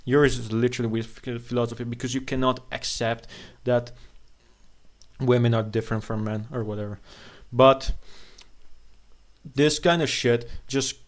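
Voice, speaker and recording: A man rants off the cuff as a video commentator, sharing blunt, scornful, profane opinions. His delivery halts and stammers, in a mid-range voice with fairly even intonation.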